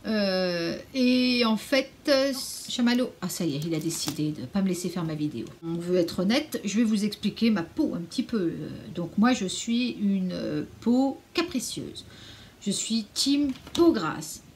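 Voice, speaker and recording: With a mid-range, darkish, animated voice at a measured pace, a beauty vlogger chats casually at home over slight background noise. She's candid and opinionated in her anti-haul, mildly sarcastic, and sometimes coos to her cat.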